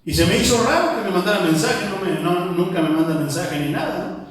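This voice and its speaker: Mexican male pastor, conversational sermon, high voice, recorded far off in a very echoey hall. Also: a little fast. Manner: conversational, full of rhetorical questions, often calls out "my brother". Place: church prayer hall.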